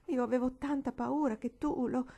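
A woman's voice: normal speed, creaky. A woman doing an emotional little girl. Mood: tearful. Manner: high and excited, tearful outbursts. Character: small anxious girl, intense and emotional. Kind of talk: storybook reading.

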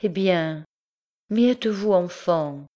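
A woman's voice: on the low side, slow pace, warm tone, voice pushed up. A woman reading an audiobook voices a pale, ailing young courtesan, bitter yet tender, with a lilting, slightly bitter manner. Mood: coaxing.

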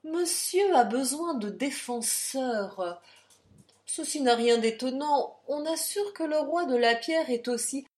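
Haughty taunting count, pitched up and loud, a woman reading the part. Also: animated, unhurried. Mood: insolent taunting. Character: arrogant, insolent male aristocrat count.

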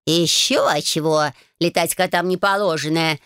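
A woman's voice: low voice, steady tone, a little slow, fairly bright tone, clean tone, no room sound, studio quality. A woman voicing a grumpy, cheeky male talking cat who grumbles and bosses people around in a storybook reading. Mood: grumbling.

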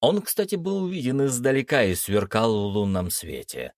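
A man's voice: medium pitch, wildly swooping pitch, moderate pace, no echo. A man narrating a first-person fantasy audiobook in a wry, slangy manner, recorded close to the mic.

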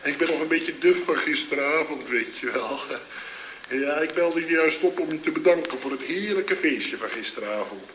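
Hungover man on a phone call: groggy, fumbling, laughing at himself; slightly high voice, roomy old recording. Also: lively intonation, normal speed. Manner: fumbling, rambling, chuckling. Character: hungover man phoning his drinking buddy. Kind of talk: comedy sketch on the phone. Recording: old echoey recording with loud hiss.

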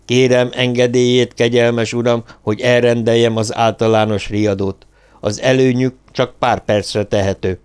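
A man's voice: medium pitch, little pitch movement, darkish tone, clear, resonant tone, close to an everyday voice. A man voicing a stiff, formal male guard captain who speaks in clipped reports. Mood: urgent. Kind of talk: audiobook character voice.

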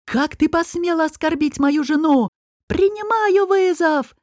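A woman voicing a furious young male prince who shouts in rage. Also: fairly high pitch, normal speed, no room sound, clean studio sound, natural voice. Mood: enraged. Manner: shouting, enraged.

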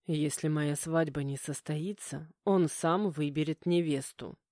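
Brief: woman voicing a cold domineering young heir, low and warm-toned, curt and calm. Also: a little slow, no echo, studio quality. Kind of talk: audiobook character voicing.

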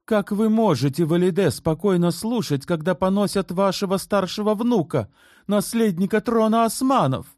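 A man's voice: high-pitched, animated, normal speed, a little mellow, no room sound, clean studio sound, pitched above the performer's own voice. A man voicing a proud, easily hurt young woman under twenty in an audiobook, indignant and pleading. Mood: offended. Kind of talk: audiobook character voice.

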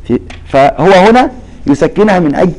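A man's voice: sits high, expressive, a little fast, a little mellow, low-quality recording. A man teaching a Quran recitation lesson. He asks questions and then answers them himself, and he addresses his students by name. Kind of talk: explaining lesson with recited verses.

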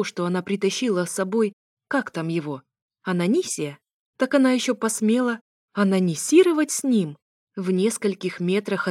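A woman narrating a first-person audiobook with wry, lively storytelling. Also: mid-range voice, dry recording. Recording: dry close recording.

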